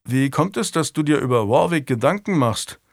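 A man's voice: fairly high pitch, lively intonation, moderate pace, creaky, dry recording, clean studio sound, pitched above the performer's own voice. Male reader playing a weary knight: frank, wry, plain voice. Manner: wry, candid.

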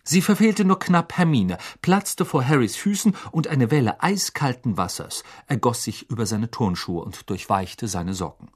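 A man narrating an audiobook in an expressive, dramatic storytelling manner. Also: mid-range voice.

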